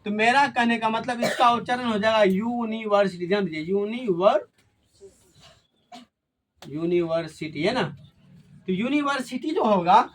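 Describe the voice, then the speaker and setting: A male teacher with a high voice leads a classroom grammar lesson. He keeps asking the class questions and repeats each key word back to them. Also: measured pace, long pauses, slight background noise. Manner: call-and-response questioning, repeats key words.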